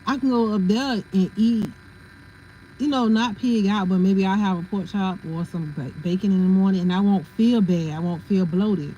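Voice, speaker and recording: A woman's voice: mid-range voice, normal speed, dark tone, highs cut off, a little hiss or hum. A woman hosting a casual livestream, chatting and laughing as she answers viewers' comments. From family from South Carolina. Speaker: livestream host.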